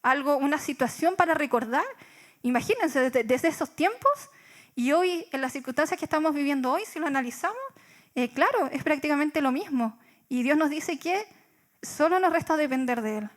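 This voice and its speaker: A young woman with a Chilean Spanish accent giving a reflective sermon at church, asking rhetorical questions and pausing on fillers. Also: high-pitched, lively intonation. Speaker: church speaker.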